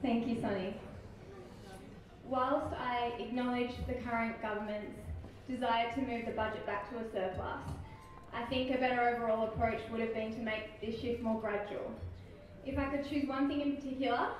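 A woman in her twenties giving a formal, measured answer as a pageant contestant. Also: fairly high pitch, fairly even intonation, far from the mic. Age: 20s. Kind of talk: formal prepared-sounding stage answer. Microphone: microphone on a stand, heard through hall. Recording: echoey hall from afar, faint noise.

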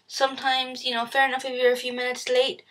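A woman's voice: high voice, monotone, fast talker, fairly bright tone, low-quality recording. A woman vlogger ranting casually and with exasperation about everyday annoyances, swearing freely.

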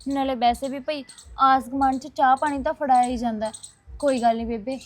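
A woman's voice: sits high, steady tone, brisk, lightly acted. A woman playing a kind young neighbour who comforts an old woman in a reassuring tone. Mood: soothing. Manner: soothing, reassuring.

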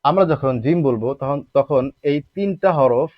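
A man's voice: mid-range voice, expressive, moderate pace, dry recording, narrow, tinny audio. A man teaching Arabic letter pronunciation in a patient, repetitive way, asking rhetorical questions and drawing out sounds to demonstrate them. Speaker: Quran recitation teacher.

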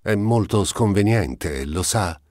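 A man voicing a coy, hesitant young woman in an audiobook, lifting his voice higher and speaking softly. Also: lively intonation, slow, dry recording, studio quality.

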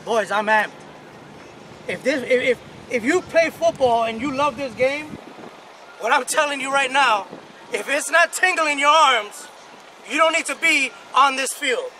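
A man's voice: very high-pitched, measured pace, pushed and bright. A man, a football coach, gives an emphatic, repetitive pep speech to his team, firing call-and-response questions at them. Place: outdoors on a grassy football field. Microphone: camera a few metres away. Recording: noisy outdoor field, team crowd behind.

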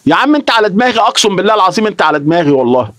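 Egyptian man, live-stream chat, high lively voice, fast, dry close sound. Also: no room sound. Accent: Egyptian Arabic. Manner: emotional, repeats himself, swears oaths often.

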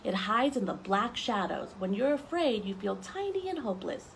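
At story time for little kids, a young woman reads a picture book aloud with asides on a wooden deck among trees. Her lively high voice is gravelly and moves at a moderate pace, captured in noisy outdoor camera audio. She reads expressively and keeps her explanations simple for young children.

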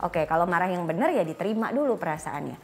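With a lowish, a little mellow voice, she talks fast and sounds animated. The woman, in her thirties and Indonesian-accented, is a guest expert who explains in informal talk and plays out brief parent and child dialogues. She is indoors on a small furnished studio set, wearing a clip-on lapel mic.

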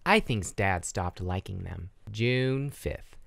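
A man's voice: deep voice, animated, takes it slowly, gravelly, a bit bright, no echo. A man giving casual commentary as a streamer playing a horror game.

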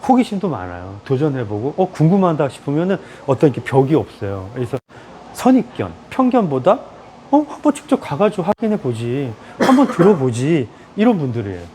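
A man giving a lively lecture in a room, acting out people in raised voices and laughing often. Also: on the high side, a little fast, a little hiss or hum.

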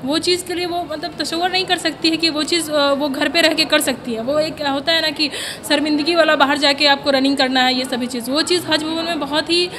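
A woman's voice: sits high, background noise. A woman recruit explains with some hesitation into a handheld mic. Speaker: police sub-inspector recruit. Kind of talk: interview answer.

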